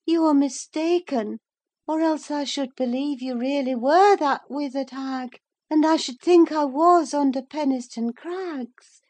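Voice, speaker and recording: A woman narrating an audiobook of a classic novel voices a young married woman who is delirious and frightened, fretful, pleading and given to gasping exclamations, her mood feverish and wandering. She pitches the character high, above her own voice, speaking unhurriedly with a slightly mellow tone.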